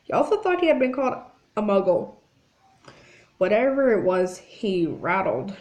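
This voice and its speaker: A woman hosting her channel, reading a book aloud in a halting way, often restarting lines. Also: medium pitch, very animated, a little mellow.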